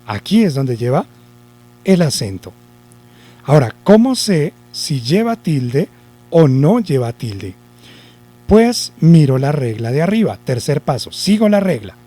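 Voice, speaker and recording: A man teaching children a spelling lesson, speaking slowly and deliberately. His voice is fairly high yet mellow, with a rising and falling melody as he repeats rules and poses questions to himself.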